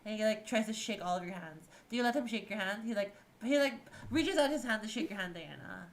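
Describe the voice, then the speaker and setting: A woman running a tabletop game as game master, excitable and animated. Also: medium pitch, fast.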